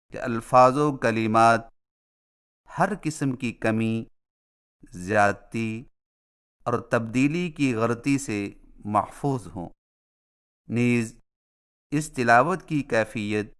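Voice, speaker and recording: Measured man with a smooth, resonant voice. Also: medium pitch, a bit bright. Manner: measured, formal delivery in short phrases. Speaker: religious instructor. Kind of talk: scripted narration of a lesson.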